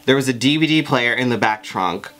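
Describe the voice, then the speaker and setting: A young adult American vlogger with an androgynous voice, telling a story in casual, sassy, animated chat with plenty of swearing. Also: mid-range voice, brisk. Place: small bedroom, indoors. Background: background music.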